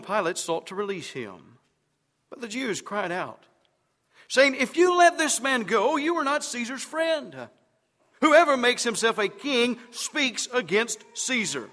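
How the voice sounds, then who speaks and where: A man preaching a sermon, emphatic and rising to loud shouts on key words. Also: high voice. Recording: long hall reverb.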